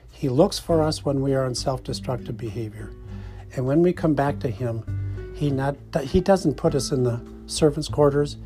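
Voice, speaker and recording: A male preacher delivering a sermon in a measured, explanatory teaching manner. His voice is mellow and warm, with faint guitar music playing softly behind him. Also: fairly high pitch.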